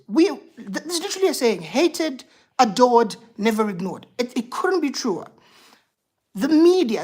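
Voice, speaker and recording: A woman hosting a football live stream, ranting heatedly and profanely about her team and replying to viewer chat. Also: high voice. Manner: reads out viewer chat and replies. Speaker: football livestream host.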